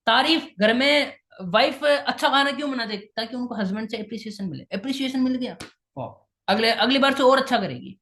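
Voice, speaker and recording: A woman gives a coaching talk on making invitations, with a slightly high voice. She repeats her main points and slips English phrases into her talk, in the steady tone of a trainer. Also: a little fast, reverberant. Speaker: sales trainer. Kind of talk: instructional talk on invitation skills.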